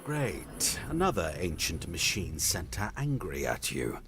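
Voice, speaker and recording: A man reads a game's story text aloud, giving it an expressive, storytelling shape. His voice sits on the low side and swings widely in pitch, with a faint hiss of noise underneath. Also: a little slow. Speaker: game narrator.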